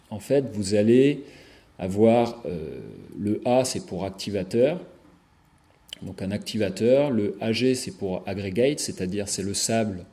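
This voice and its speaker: A man lecturing over slides in a low, mellow voice. He pauses often, fills gaps with hesitations and restarts his phrases, checking in with his listeners as he goes. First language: French. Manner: hesitant, many fillers and restarts.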